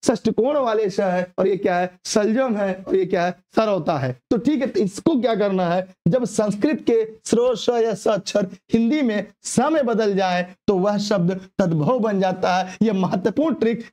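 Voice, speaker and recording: A man with a high-pitched voice leads an exam-prep grammar lesson. He keeps firing questions at the class and answering them himself, drilling each point home. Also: normal speed, few pauses, a little mellow. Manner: quizzing, asks and answers own questions. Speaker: Hindi grammar teacher.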